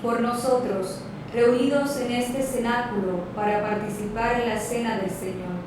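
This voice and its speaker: Woman lector, slow measured prayer reading, booming church echo, heard from a distance. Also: steady tone, background noise. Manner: slow, measured intoning with set refrains. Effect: heavy church echo, heard from afar. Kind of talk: liturgical reading. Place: large church. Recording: reverberant church from far off, guitar behind.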